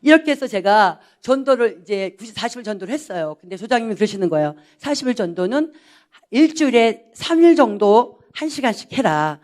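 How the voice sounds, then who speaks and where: A pastor's wife giving a personal testimony, telling her story in a lively way and acting out the dialogue. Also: on the high side, fairly quick. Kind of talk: personal testimony to a church audience.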